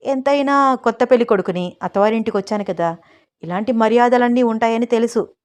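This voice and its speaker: A woman's voice: on the high side, fairly quick, lightly acted. A woman voicing a playful, pushy young husband who teases his wife. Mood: teasing. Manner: teasing, cajoling.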